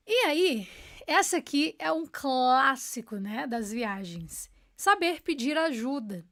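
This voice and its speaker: A woman teaching English in Portuguese, explaining patiently and repeating example phrases slowly and clearly, checking in often with her viewers. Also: high-pitched, fairly bright tone. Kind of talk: online English lesson in Portuguese.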